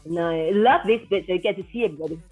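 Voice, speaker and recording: A woman's voice: fairly low pitch, very fast, breathy edge. A woman working as an aerobics instructor, calling out counts and commands to a floor workout class in an encouraging, motivating way. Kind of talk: counted exercise cueing to a class. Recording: dull lo-fi sound with music behind.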